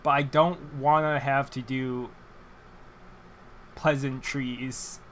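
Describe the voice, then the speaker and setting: A man's voice: medium pitch, little pitch movement, slow pace, a bit bright, slight background noise. A man voicing a reluctant, whiny dad character in a game read-aloud, with a fan running.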